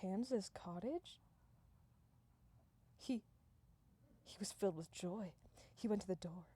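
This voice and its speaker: A woman telling an improvised comic story in a deadpan, run-on way, stringing events together and sometimes dropping to a hush. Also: on the low side, moderate pace, slight background noise. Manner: deadpan, run-on "and then" narration, dropping to hushed tones.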